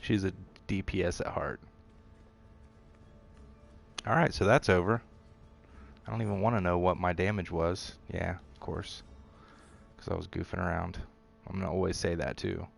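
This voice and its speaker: In a deep, creaky voice, a man streams a video game and offers casual, rambling commentary with plenty of self-deprecation.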